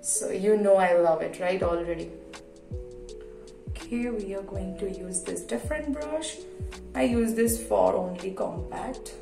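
A woman's voice: medium pitch, measured pace, creaky, music in the background. Indian-accented young woman, echoey bathroom vlog. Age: 20s. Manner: chatty, repeats words for emphasis. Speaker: vlogger. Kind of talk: casual chatty vlog talk. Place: hotel room and small tiled hotel bathroom. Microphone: phone propped a short distance away. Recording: echoey tiled bathroom, distant phone mic.

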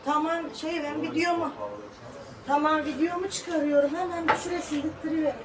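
A woman's voice: high voice, fairly even intonation, fairly quick, a crowd in the background. A woman vlogger chatting casually in a running commentary on household chores at home. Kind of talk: casual household vlog chat. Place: home balcony. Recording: echoey, noisy, distant microphone.

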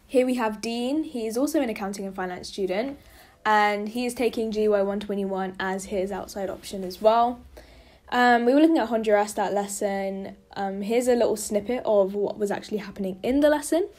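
A woman's voice: mid-range voice, darkish tone. A young woman, a university student, narrating her week in a casual vlog, chatty and full of fillers. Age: young adult.

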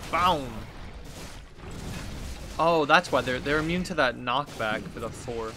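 A man in his thirties, speaking slowly in a mid-range voice, hosts a gaming video with casual, rambling commentary, talking to himself and reading quest text aloud. Game ambience comes through as clearly audible background noise.

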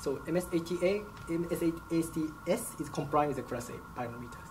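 Here a young man whose first language is Japanese responds to interview questions in a company lab, keeping his answers short and careful. He works as a product specialist, speaks briskly in a fairly high voice, and the indoor recording picks up lab noise.

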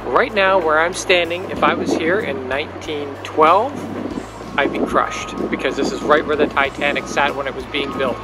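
A middle-aged man co-hosting a travel vlog outdoors, chatting in a relaxed, rambling, enthusiastic way. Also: fairly high pitch, moderate pace. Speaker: travel vlogger co-host. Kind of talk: casual travel vlog chat. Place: outdoors on the road. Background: background music.

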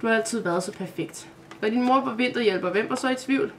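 A woman's voice: on the high side, recorded from a distance, a little hiss or hum, natural voice. A woman voicing a cold, commanding boy who leads a wolf pack in a read-aloud story.

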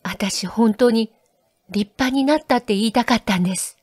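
A woman voicing a shy, tender young woman who speaks softly and tearfully in a storybook reading. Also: on the high side, moderate pace, slightly rough, dry recording, clean studio sound. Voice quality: soft, hushed.

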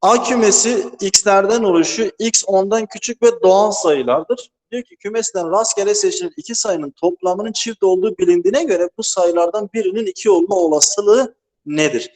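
A high-pitched male voice with a darkish tone explains math at normal speed, alone in a large, empty classroom. He goes patiently step by step, repeatedly checking with "right, friends?", and the empty hall makes his voice echo heavily.

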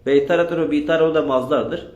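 A man's voice: a little high, steady tone, fast talker, a little mellow, highs cut off. A man teaching a grammar lesson, drilling his students with questions and repeating their answers. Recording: echoey room.

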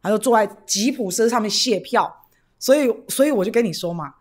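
A woman from Taiwan hosts a casual political livestream in a fairly high, animated, slightly mellow voice, talking a little fast. She rambles with fillers and tag questions, greets viewers by name, and reads out donations.

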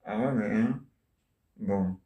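A man's voice: lowish voice, slow pace, muffled recording. A man doing a rambling improvised comic monologue, answering imagined listeners and tacking on questions. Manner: chatty, answers imagined listeners, constant "hein?" and "ah ouais". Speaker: amateur solo stage performer. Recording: echoey room.

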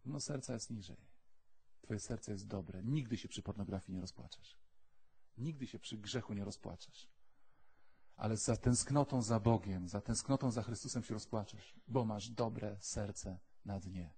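A man, a priest, giving a lively sermon to a live audience, acting out little dialogues in quoted voices and then dropping to quiet, earnest urging. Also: fairly low pitch, moderate pace, husky.

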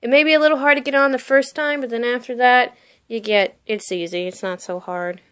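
Indoors in her bedroom, a young woman shows off a costume she's selling in a casual show-and-tell vlog. Her clean-toned voice is on the high side, fairly quick and fairly even, and she gushes with lots of "like" and "really, really."

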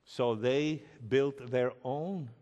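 A man preaching a sermon as a pastor, telling a story slowly and emphatically and rising to shouts at its peaks. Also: medium pitch, dull audio. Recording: echoey hall with long reverb.

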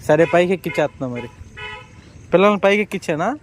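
A man's voice: high voice, lively intonation, very fast, a crowd in the background. A man chatting casually with his mother outdoors while feeding puppies, often calling out to her. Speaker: son helping feed puppies. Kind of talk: casual family chat. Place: outdoors by a road.

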